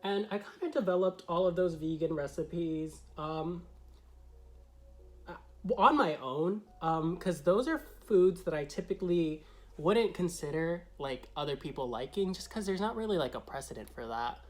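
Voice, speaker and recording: A man's voice: a little high, expressive, moderate pace, soft background music. A man who is a drag queen vlogger, talking through a tutorial to camera in a chatty, meandering, explanatory way. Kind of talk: casual tutorial talk to camera.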